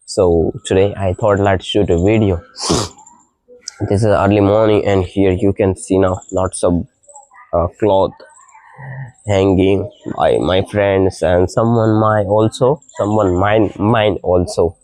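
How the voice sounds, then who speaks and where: This young vlogger, a native speaker of an Indian language, has a cold that pushes his voice very low, and he talks slowly and haltingly with lots of uhs and little laughs while practicing English in a casual morning vlog. He's on an outdoor balcony with early birdsong, recorded through a noise-cancelling mic with a dry, close, rough sound and no echo. His tone is steady and a little mellow.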